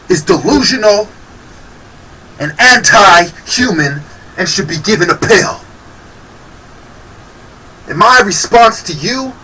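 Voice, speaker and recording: High, lively man ranting heatedly. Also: far from the mic, a little hiss or hum, poor audio. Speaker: video commentator. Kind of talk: reacting to a clip with commentary.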